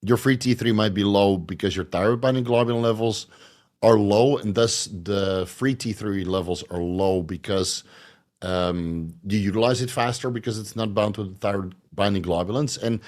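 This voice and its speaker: A man's voice: fairly low pitch, darkish tone. A man hosting a casual livestream, reading out viewer questions and explaining his answers at length with frequent fillers. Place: at home.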